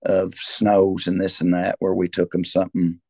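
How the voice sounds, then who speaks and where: A man's voice: low-pitched, monotone, moderate pace, mellow, no room sound, studio quality. A man with a rural Southern US accent talking as a cattle rancher, explaining things conversationally in a folksy, rambling way with repeated words and restarts. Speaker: cattle rancher, interview guest.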